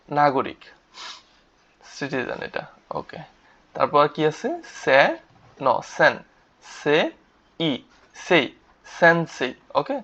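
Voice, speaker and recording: Guy teaching vocab, kinda high voice, keeps asking then answering himself, muffled lo-fi audio. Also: fairly bright tone. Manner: repeats words, asks and answers his own questions. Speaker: Japanese language teacher. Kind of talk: vocabulary lesson with spelled-out syllables. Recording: dull lo-fi recording.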